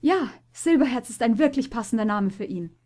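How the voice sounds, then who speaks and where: A woman's voice: on the high side, lively intonation, fairly quick, dark tone, natural voice. A proud, careful father stallion, played by a woman reading aloud. He speaks in an earnest, thoughtful way.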